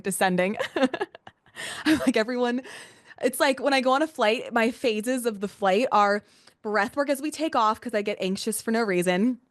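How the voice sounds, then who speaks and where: A woman's voice: on the high side, no room sound, clean studio sound. A woman hosting a live online workshop in a casual, gushing, chatty way, with lots of "like" and repeated exclamations. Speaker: workshop host and coach. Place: live video-call session with a camera, indoors.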